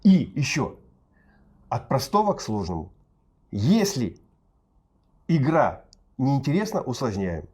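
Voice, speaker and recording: A man who teaches pantomime, explaining his methods and leading an exercise in an energetic, instructive way with short, emphatic phrases. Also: mid-range voice, takes it slowly, pauses often, slightly rough. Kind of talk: explaining and running a drama exercise.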